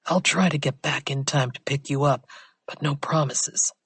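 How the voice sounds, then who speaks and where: Woman narrator doing a low, hushed male detective, dry and smug, storybook thriller. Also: steady tone, moderate pace, breathy edge, no echo.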